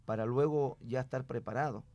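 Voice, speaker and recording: A man's voice: medium pitch, brisk, mellow, no echo, dull audio. A man, a pastor sharing his experience in an earnest, chatty way. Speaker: pastor, guest. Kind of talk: conversational testimony.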